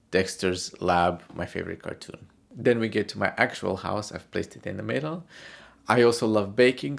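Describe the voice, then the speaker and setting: A man's voice: lowish voice, vocal fry. A man from Croatia narrating his art vlog in a casual, candid, self-reflective way while he draws. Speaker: art vlogger.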